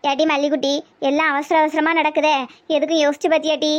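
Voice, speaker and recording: A woman's voice: sits high, flat delivery, fast talker, close to an everyday voice. A woman voicing a concerned middle-aged village neighbor, with a Tirunelveli Tamil accent, in a cartoon comedy. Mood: worried. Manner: cautioning, concerned. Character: worried middle-aged neighbor woman, older sister figure.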